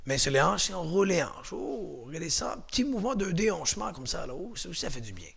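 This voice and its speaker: A man's voice: fairly high pitch, sing-song, fast talker, gravelly, a bit bright. Upbeat Québécois man leading an exercise class. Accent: Québécois French. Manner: chatty, encouraging, playful. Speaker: exercise and martial arts instructor. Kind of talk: guided home exercise class.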